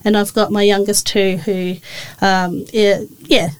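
A woman in her thirties, hosting a podcast. Her voice sits at a mid pitch and she talks in a relaxed, chatty way with plenty of fillers. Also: a little slow, clean tone, low-quality recording. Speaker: podcast host. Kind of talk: casual podcast chat.

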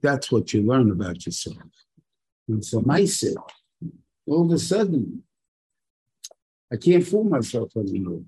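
A man's voice: medium pitch, big pitch swings, a little slow, pauses often, mellow, breathy edge, rough recording. A man gives an informal religious lecture as a rabbi, using rhetorical questions and short, emphatic repetitions. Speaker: rabbi giving a Torah lesson.

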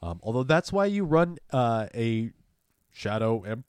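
A congested man co-hosting a casual chat show, relaxed and hesitant with many fillers. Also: mid-range voice, measured pace, clean tone, no echo, studio quality. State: congested after sneezing. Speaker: podcast co-host.

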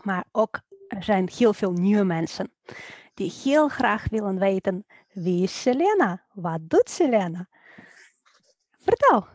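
A woman's voice: medium pitch, big pitch swings, slow, pauses often, darkish tone, no echo, clean studio sound. A woman from Ukraine with a Ukrainian accent, hosting and asking cheerful questions of a guest. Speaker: host. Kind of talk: interviewing a guest.

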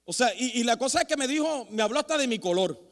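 A man preaching as a pastor, telling animated, self-mocking stories with many restarts. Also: extremely high pitch, quick pace. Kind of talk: storytelling sermon. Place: church sanctuary. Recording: long hall reverb in a church.

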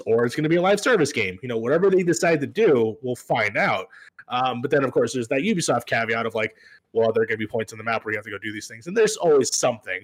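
A man co-hosting a podcast, chatting casually about video games in a rambling way that often interrupts itself. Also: mid-range voice. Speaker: podcast co-host.

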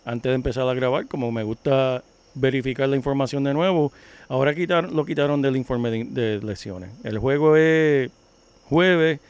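A man's voice: mid-range voice, normal speed, a little mellow, clear, resonant tone. Chatty man talking football news. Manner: laughing, chatty, news-reporting. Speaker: podcast co-host. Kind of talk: casual sports talk.

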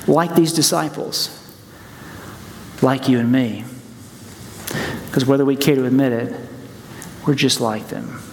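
A man's voice: medium pitch, unhurried, vocal fry, long pauses, slight background noise. A man preaching a sermon as pastor, earnest, in a church sanctuary. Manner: earnest, preaching then praying. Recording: church hall reverb, soft music.

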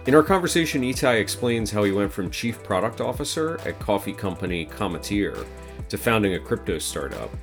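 A man with a low voice hosts a tech podcast, reading his opening from a script and then turning to easygoing, curious questions. Faint guitar music plays beneath his voice. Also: sing-song, brisk. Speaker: podcast host. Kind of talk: scripted podcast intro, then conversational interviewing.

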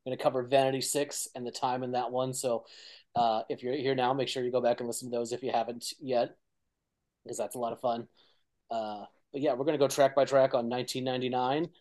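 A man hosting a music podcast, talking in a relaxed, conversational way and laughing often. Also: medium pitch, brisk. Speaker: podcast host. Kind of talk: casual chat.

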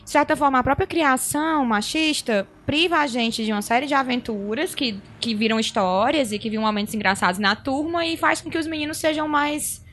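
Fast-talking woman. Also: high voice, a little hiss or hum. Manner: animated, fast-talking, opinionated. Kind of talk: casual chat.

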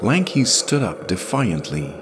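A man narrating a scripted fantasy story in a measured, expressive reading. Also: lowish voice, noisy background.

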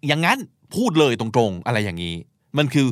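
Lively male podcast host explaining words. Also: mid-range voice, a little fast, dry recording, clean studio sound. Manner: spells out and explains words, acts out example lines. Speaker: podcast host teaching English vocabulary. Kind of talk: explanatory language lesson talk.

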